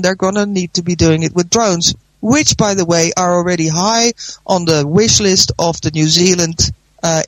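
A woman discussing politics earnestly as a commentator, in a halting way. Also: mid-range voice, no echo, poor audio.

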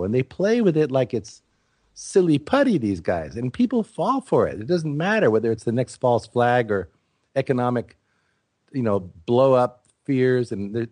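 Guy rambling earnestly, halting phrases, medium pitch, really dry recording with no echo. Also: a little mellow. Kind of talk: casual reflective conversation.

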